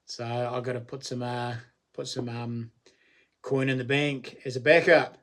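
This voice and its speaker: A man's voice: mid-range voice, flat delivery, a little slow, a bit bright. A man in his late forties with a broad New Zealand accent, chatting casually as he hosts a livestream, in a blokey, slangy, laid-back way. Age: late 40s. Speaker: live stream host. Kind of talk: casual livestream chat, reading and answering comments.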